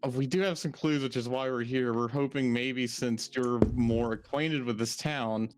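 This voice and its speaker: A man's voice: medium pitch, fairly even intonation, normal speed. A man playing in a tabletop game, talking in a chatty, explaining way and swearing casually. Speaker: player. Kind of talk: casual tabletop role-play.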